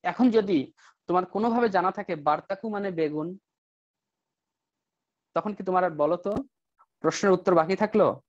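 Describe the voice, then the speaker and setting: Teaching English to an online class, this man sits high in pitch and prods his students with rhetorical questions, pausing to slowly spell out example sentences. There's no echo, and the audio has a dull lo-fi online class quality.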